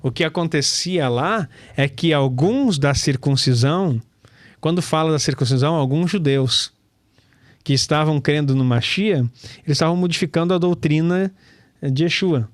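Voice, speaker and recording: A man's voice: fairly high pitch, moderate pace, no room sound. A man, teaching scripture in a casual, chatty way, calling listeners brother and laughing often. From Brazil. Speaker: pastor and Torah teacher.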